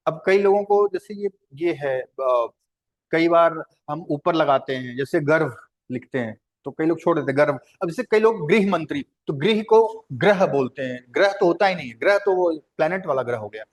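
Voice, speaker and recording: A man's voice: a little high, expressive, moderate pace. A man teaching a Hindi translation lesson, explaining at length, repeating words, spelling them out, and asking questions that he then answers himself.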